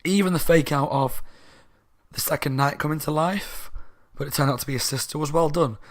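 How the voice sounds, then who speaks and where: A man's voice: fairly high pitch, fairly quick. Tipsy man rambling a book review. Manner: rambling, tipsy, self-correcting.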